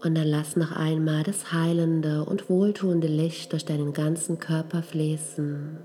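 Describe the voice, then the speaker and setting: A woman leading a guided healing meditation in a soft, gentle, breathy voice that trails toward a whisper. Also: sits low, level tone, unhurried. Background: music.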